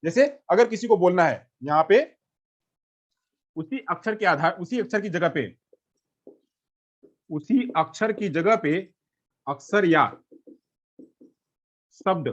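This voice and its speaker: A man's voice: fairly high pitch, fairly bright tone. A male teacher giving an exam-prep lecture, repeating himself and asking questions he then answers. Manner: repetitive, asks and answers his own questions. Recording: dull lo-fi recording.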